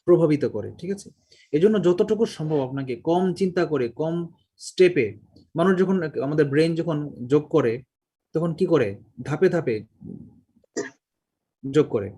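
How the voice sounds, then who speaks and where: A middle-aged man teaching a math class, lively and questioning the students, mixing English terms into his Bengali. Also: fairly high pitch, breathy edge. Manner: mixes English words and numbers into Bengali. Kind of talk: classroom lecture.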